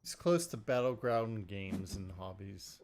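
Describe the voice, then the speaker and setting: A man chatting on a game stream, matter-of-fact and calm, listing things plainly. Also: fairly low pitch, unhurried. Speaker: guest on stream. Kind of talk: casual chat on a game stream.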